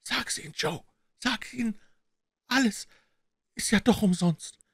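A man puts on a terrified accused man who is sobbing and pleading, his voice pushed far above its usual low register. The pitch swings widely as he begs, and the sound is dry and close. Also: lively intonation, a little slow, husky, no echo, heavily acted. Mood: despairing. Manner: pleading, tearful. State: crying. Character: frightened, sobbing grown man accused of murder.

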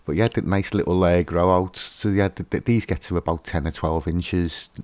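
A man's voice: low-pitched, steady tone, normal speed, a little mellow, no room sound. A man hosting a fishkeeping channel, giving a casual, hesitant voice-over with lots of fillers and restarts.

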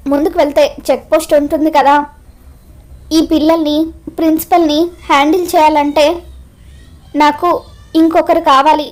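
A woman voicing a shifty male bus driver who talks in a slow, pleading way. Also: high-pitched, flat delivery, darkish tone, close to an everyday voice.

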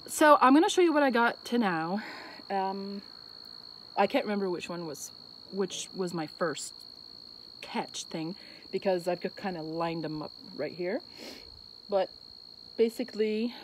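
A woman's voice: mid-range voice, unhurried, pauses often. A woman chatting casually for an outdoor vlog, thinking aloud and interrupting herself as she goes. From Acadian Canada. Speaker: vlogger. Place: outdoors on a bridge over water. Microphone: phone set on the bridge. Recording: noisy outdoor phone recording, traffic, insects.

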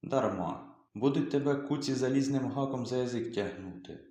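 A man reading aloud voices a pious, scolding peasant mother with a sharp, chiding manner. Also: medium pitch, moderate pace, lightly acted. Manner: scolding, then softly pious. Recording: very echoey room.

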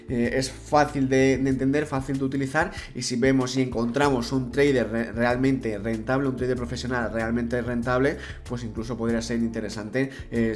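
Young Spanish man talking through a tutorial. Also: mid-range voice. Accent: Spanish from Spain. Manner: chatty, addresses viewers directly, frequent restarts. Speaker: crypto tutorial host. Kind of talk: screen-recorded tutorial walkthrough. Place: indoor room.

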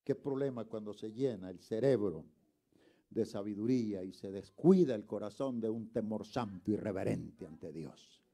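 A man preaching a sermon, swinging from quiet murmurs to shouts and calling on the congregation to answer him. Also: lowish voice, moderate pace, gravelly. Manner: calls on the congregation to respond.

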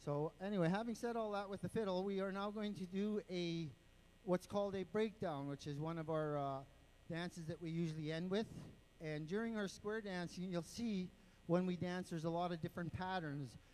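A man's voice: high voice, moderate pace, a little mellow, low-quality recording. A man explaining dances to an event crowd on a handheld microphone, patient and step-by-step, counting out rhythms. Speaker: dance group spokesman and announcer. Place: indoor powwow event.

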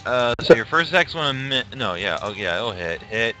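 A man running a tabletop game as game master, counting rolls aloud and pausing to look things up. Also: mid-range voice, big pitch swings, sharp tone, faint music behind. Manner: counts dice aloud, distracted pauses. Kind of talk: casual tabletop game play.

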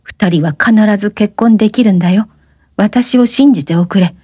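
A woman voicing a gentle, earnest young man who speaks in a hushed, reassuring way in a spoken story reading. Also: mid-range voice, moderate pace, husky, no room sound, studio quality, voice pushed up, natural voice. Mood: soothing.

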